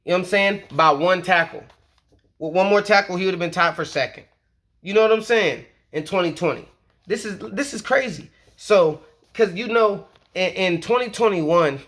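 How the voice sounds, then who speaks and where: Hyped-up and full of slang, a man vlogs casually as a fan of his football team, repeatedly tossing in "okay?" and "you feel me?" He's a sports vlogger whose voice is high and a bit bright.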